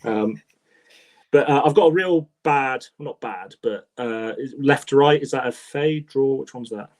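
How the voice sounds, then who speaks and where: Man, casual podcast chat, enthusiastic, rambling, medium pitch. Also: a little slow, a little mellow. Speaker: podcast co-host.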